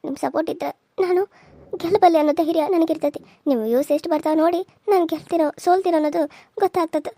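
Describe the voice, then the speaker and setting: A woman's voice: extremely high pitch, steady tone, racing, warm tone, no echo, studio quality. A woman, earnestly pleading with viewers in a chatty way as a cartoon serial's narrator.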